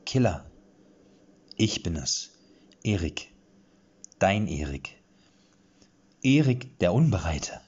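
Earnest young hero, pleading yet defiant, as a man puts him on, lively and a bit loud, dull storybook recording. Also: medium pitch, fairly quick, hardly any pauses, slightly rough, voice pushed up. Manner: pleading, trying to sound calm.

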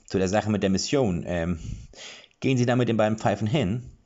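Gernhard, a man voicing a loud jovial dwarf. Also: fairly low pitch, a little fast, highs cut off, voice pushed up, lightly acted. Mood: brash jovial. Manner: loud, breezy, mocking. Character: jovial dwarf police chief, armored, brash.

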